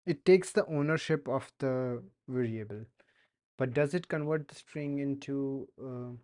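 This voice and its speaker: This streamer learning to code is a young man with an Indian accent, his medium-pitched, darkish voice keeping a measured pace. Chatting casually over his live coding, he hesitates a lot, using many fillers and restarts.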